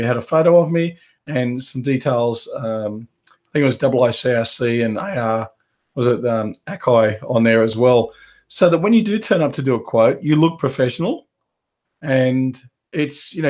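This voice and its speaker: A man hosting a live coaching webinar from his home office, his voice worn down by a head cold. He talks casually and rambles, with plenty of "um"s and restarts, at a middling pitch. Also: a little mellow. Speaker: carpet cleaning business coach.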